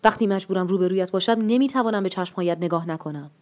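A woman voicing a bitter, scolding mother of a grown son in a read-aloud story, with a sharp, scolding delivery. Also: mid-range voice, lightly acted.

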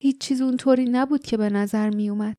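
A woman voicing a gentle dying father in an audiobook, speaking softly and weakly. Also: on the high side, fairly even intonation, dry recording, clean studio sound, lightly acted. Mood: content. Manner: soft, weak, murmuring.

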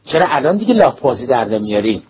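A man voicing a furious middle-aged school principal who shouts, scolds and threatens, recorded dull and lo-fi with faint hiss. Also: mid-range voice, steady tone, voice pushed up, close to an everyday voice. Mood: furious shouting.

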